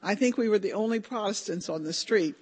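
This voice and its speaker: An older woman gives a conference talk in a slightly hoarse, a little mellow voice that runs deep for a woman, though her pitch is ordinary. She's hesitant and informal, pausing often, saying um, and starting sentences over.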